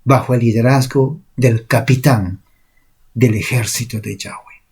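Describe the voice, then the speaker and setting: A man's voice: medium pitch, fairly even intonation, measured pace, a little mellow, breathy edge. A man preaching a sermon, emphatic, pushing his voice up to stress key words.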